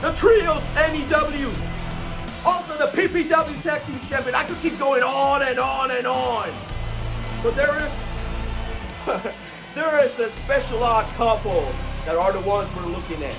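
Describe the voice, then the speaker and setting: Over prominent music, a very high-voiced man with as his cuts a wrestling promo. His delivery is emphatic and confrontational, aimed straight at his rivals. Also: unhurried. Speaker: professional wrestler, tag team partner. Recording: loud music behind the voice.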